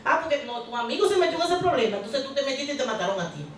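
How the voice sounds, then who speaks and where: A woman's voice: high voice, sing-song, rapid-fire, slight background noise. A woman preaching a sermon in a church, talking conversationally and putting questions to the congregation. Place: church hall. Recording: very echoey hall, mic far off.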